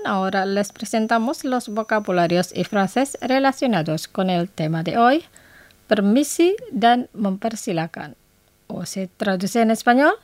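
A woman hosting a scripted radio language lesson, saying each phrase twice slowly and carefully. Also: a little high, no room sound.

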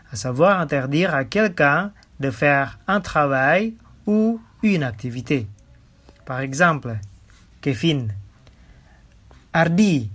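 A woman presenting a scripted radio language lesson, speaking slowly and repeating each phrase twice. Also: sits low.

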